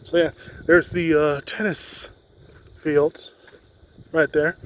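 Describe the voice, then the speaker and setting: A young man with a slightly high voice talks off the cuff as he vlogs on a walk. He rambles casually into a phone outdoors, with faint street noise behind him. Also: level tone, takes it slowly. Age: young adult. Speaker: student vlogger. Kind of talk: casual walking vlog chat. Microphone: handheld phone.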